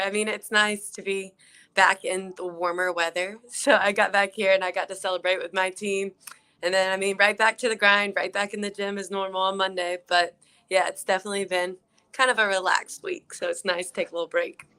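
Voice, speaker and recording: A woman's voice: mid-range voice, level tone, fairly quick, bright, forceful tone, clear, resonant tone. A young woman from South Carolina, a fighter, chatting upbeat and casual as an interview guest over a video call.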